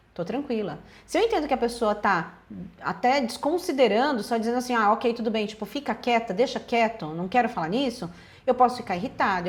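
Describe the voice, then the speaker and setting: A woman's voice: a little high, a little mellow. A woman psychologist with a Brazilian accent giving relationship advice in a direct, emphatic way, speaking straight to viewers. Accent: Brazilian Portuguese.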